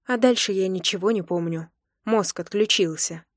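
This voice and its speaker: A young woman reads a first-person romance audiobook in a medium voice, expressive and intimate. The recording is close and dry, with no room sound. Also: mid-range voice, normal speed, no room sound. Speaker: narrator.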